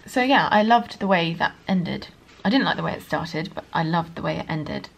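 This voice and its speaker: A woman with a modern received pronunciation accent and a hint of Estuary, an English pronunciation teacher talking quickly and earnestly in a candid vlog. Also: lowish voice, expressive, gravelly. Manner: speaks quickly, earnest and apologetic.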